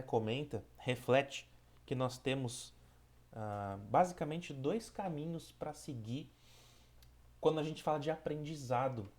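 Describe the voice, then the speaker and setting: Calm Brazilian man leading spiritist study. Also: mid-range voice. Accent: Brazilian Portuguese. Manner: calm and reflective, often checks in with listeners. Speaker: spiritist study group leader. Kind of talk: reading a passage, then reflective teaching talk.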